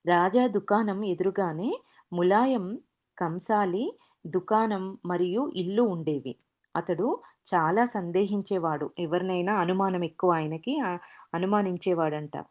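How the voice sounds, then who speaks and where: A woman's voice: on the low side, darkish tone. A woman casually retelling anecdotes as a storyteller, with frequent restarts and fillers.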